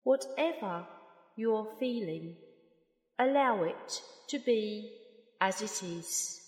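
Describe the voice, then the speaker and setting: A woman slowly leading a guided meditation in a calm, soft, unhurried voice with long pauses. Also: mid-range voice. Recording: roomy long reverb.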